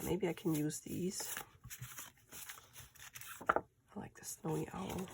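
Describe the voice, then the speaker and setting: A woman chatting casually through a craft project in a hushed, quiet voice that often slips toward a whisper, so as not to wake anyone. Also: on the low side, noisy background. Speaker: craft video host. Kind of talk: casual craft-along chat. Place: indoors at home, at a craft table.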